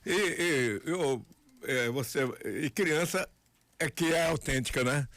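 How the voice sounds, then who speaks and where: An older man co-hosting a radio interview who tells anecdotes in a halting way, with many restarts. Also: a little high, a bit bright, no room sound.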